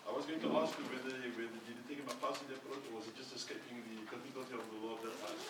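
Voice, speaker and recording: A man's voice: mid-range voice, steady tone, very fast. Hesitant male student, far in a hall. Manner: hesitant, full of fillers. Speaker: student asking a question. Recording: distant, echoey room with background noise.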